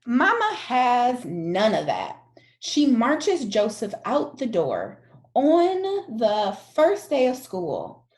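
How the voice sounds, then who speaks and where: A woman with a voice on the high side reads a children's story aloud as a storyteller, using expressive, deliberate phrasing and dramatic emphasis.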